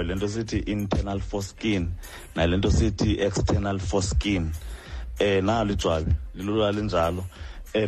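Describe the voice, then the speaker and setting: A man with a Xhosa accent speaks as a guest doctor in an explanatory radio segment. His voice sits at an average pitch, with faint music behind him. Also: a little mellow.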